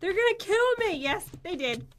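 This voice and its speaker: A woman's voice: very high-pitched, big pitch swings, moderate pace, a bit bright, slight background noise. A woman chatting casually and playfully while playing a video game, giggling often. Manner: giggly, playful, frequent laughter. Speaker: gaming YouTuber. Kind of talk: casual gameplay chat.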